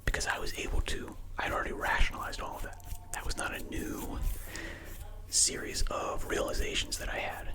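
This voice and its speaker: An ASMR creator whispering quickly in a candid, reflective ramble, entirely without voicing. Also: poor audio. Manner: fast, unvoiced whispering throughout.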